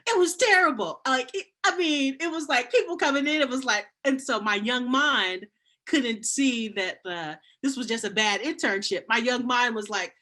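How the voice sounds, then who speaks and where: Bright-voiced woman telling stories lively. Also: on the high side, moderate pace. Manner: animated, acts out quoted voices, frequent restarts. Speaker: university dean, interview guest. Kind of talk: storytelling in a casual interview.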